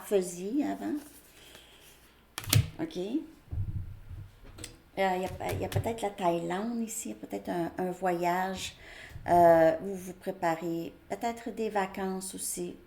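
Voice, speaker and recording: A woman's voice: medium pitch, a little mellow. A woman giving a casual tarot reading to camera, chatty and repeating herself as she thinks aloud while drawing cards. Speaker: tarot reader.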